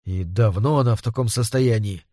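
A man reading as a steady, reassuring doctor. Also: lowish voice, moderate pace, dry recording, studio quality, pitched below the performer's own voice, natural voice. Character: composed male doctor, shaken but steady. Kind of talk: audiobook character reading.

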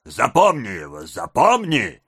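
A man voicing a rough, brutal grown man who barks gruff threats and orders. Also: on the low side, wildly swooping pitch, unhurried, pushed and bright, no echo, clean studio sound, exaggerated voice. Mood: threatening.

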